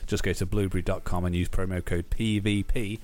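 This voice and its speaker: A man's voice: low voice, little pitch movement, a little fast, darkish tone. A man hosting a podcast in casual chat, with a jokey, chuckly way of talking. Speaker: podcast host.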